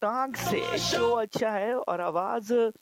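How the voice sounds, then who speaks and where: A man hosting a radio show in a relaxed, chatty way, pitching products and often tacking on a reassuring 'all right, sir'. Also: takes it slowly, music in the background. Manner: chatty, keeps adding 'theek hai janaab'. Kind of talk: casual radio talk with product promotion.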